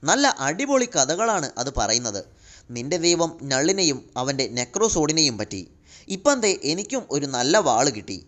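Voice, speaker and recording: Guy doing a smug dark elf villain, mocking, voice pitched up, comic story. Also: very animated, moderate pace. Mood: gloating taunt. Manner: taunting, gloating. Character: mocking cocky dark elf warlord, male.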